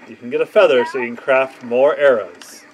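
A man's voice: medium pitch, fairly quick, slight background noise, rough recording. A man hosting a gameplay video, cracking wry jokes and going off on tangents in casual commentary. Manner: joking, wry asides and tangents. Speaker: host.

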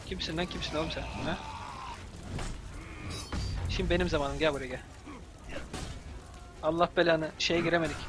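Excitable young man yelling at a game. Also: a little high, moderate pace, long pauses, music in the background. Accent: Turkish. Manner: yelling and cursing at the game, exasperated. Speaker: gameplay commentator. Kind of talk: let's-play commentary.

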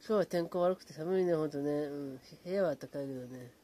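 A man talking in a hushed, low voice from his apartment late at night, greeting viewers by name and rambling in a relaxed way. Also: fast. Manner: hushed, low-volume talk; relaxed, rambling, fond of fillers like うん. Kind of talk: casual late-night chat.

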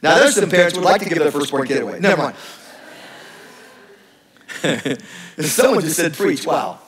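Male pastor in his middle years, high bright delivery, joking and animated, echoey sanctuary sound. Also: normal speed. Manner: animated, joking, acts out sarcastic voices. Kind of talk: lively sermon. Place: church sanctuary.

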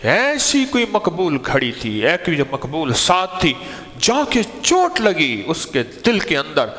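A man's voice: a little high, in a large hall. A man preaching a sermon, telling a story and acting out what people in it say. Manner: animated storyteller, acts out quoted speech.

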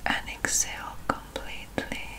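A woman guiding an ASMR relaxation hypnosis in a whisper, with a slow, soothing hypnotist delivery and long pauses. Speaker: hypnosis guide.

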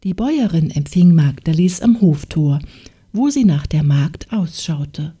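A woman narrating a fairy tale audiobook in a calm, measured storytelling manner. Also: sits low, husky. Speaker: audiobook reader.

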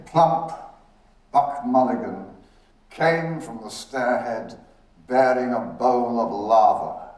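Man reading a novel aloud real slow and deliberate, echoey room. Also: medium pitch, darkish tone. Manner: measured, deliberate delivery. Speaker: reader. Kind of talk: literary reading at a live event.

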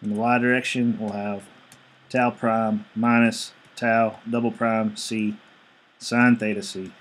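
A man's voice: on the low side, flat delivery, slow. A male engineering instructor giving a screencast lecture, explaining each step evenly and reading out numbers as he works.

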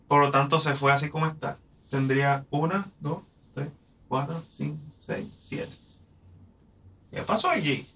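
A man's voice: fairly high pitch, pushed and bright. A man from Puerto Rico with a Puerto Rican accent, teaching a poetry lesson, patiently explaining and counting syllables aloud. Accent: Puerto Rican Spanish.

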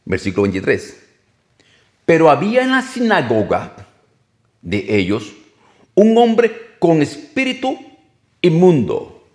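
A man's voice: on the high side, wildly swooping pitch, slow pace, pauses often, darkish tone. A man preaching a sermon, emphatic, often repeating and correcting his phrases as he goes.

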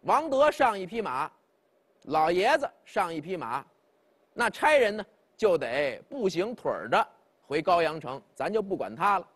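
Lively husky-voiced male storyteller. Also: high voice, moderate pace. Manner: chatty, addresses listeners directly. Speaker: pingshu storyteller. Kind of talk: traditional Chinese storytelling.

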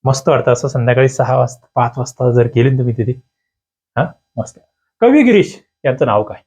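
A man teaching an exam-preparation lesson, talking in a lively, emphatic way and quizzing the listener with rhetorical questions. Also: mid-range voice, fairly quick, slightly rough. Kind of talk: online exam-prep lesson. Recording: dull lo-fi sound.

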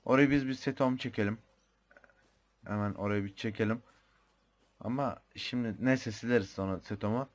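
A man's voice: on the low side, normal speed, long pauses. A young man with a Turkish accent giving casual commentary on his own gameplay, chatty and thinking aloud, muttering the odd mild swear. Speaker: gamer.

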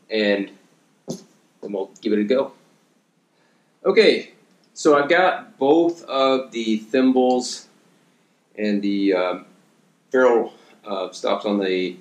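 A man in his thirties giving a relaxed how-to demonstration in his home gym, with lots of fillers as he works with his hands, recorded by a camera a few feet away. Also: fairly low pitch. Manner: relaxed instructional, many fillers and restarts; working with his hands while talking. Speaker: fitness coach. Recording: echoey room.

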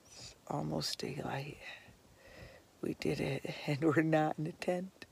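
Woman, fifties, casual vlog, slow, lowish voice, phone at arm's length, laughs a lot. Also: fairly even intonation, creaky, a little mellow, breathy edge. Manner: chatty, laughs often. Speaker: vlogger. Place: camp van and forest campsite.

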